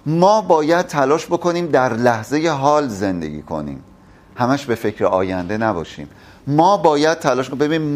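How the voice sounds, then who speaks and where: A man's voice: medium pitch, darkish tone. A man teaching public speaking at a live workshop, emphatic and addressing the audience directly.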